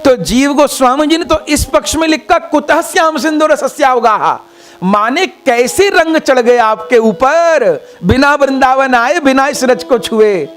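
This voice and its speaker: A man giving a devotional discourse, explaining verses in an expressive, emphatic way. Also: extremely high pitch, measured pace, few pauses, soft background music. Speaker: devotional storyteller.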